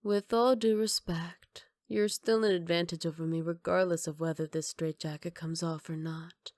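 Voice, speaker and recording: In an ASMR roleplay, a woman plays a teasing, self-assured female villain, coy and slyly flirtatious with mock politeness. Her lowish, soft, breathy natural voice sits very close and dry with no room sound, steady in tone and unhurried at a moderate pace.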